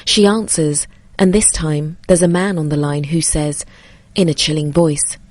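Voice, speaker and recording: A woman narrating a scripted horror story in a measured, suspenseful way. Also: low voice, steady tone, a little mellow, dry recording.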